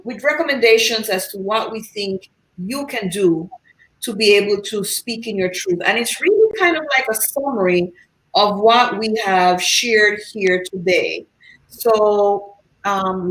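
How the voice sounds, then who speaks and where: A woman hosting a panel discussion, guiding the talk and affirming her guests eagerly. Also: medium pitch. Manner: warm, affirming, eager agreement. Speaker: host. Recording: roomy echo, faint noise.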